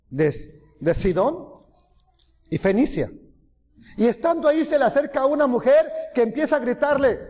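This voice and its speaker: Male preacher, lively sermon delivery, higher voice, reverberant church hall. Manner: animated, rising to loud cries when quoting, dropping low for asides.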